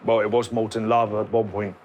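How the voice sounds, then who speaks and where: A man's voice: fairly low pitch, little pitch movement, quick pace, darkish tone, slight background noise. A British man who works as a cook, chatting in an interview with dry jokes. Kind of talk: casual interview. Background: music.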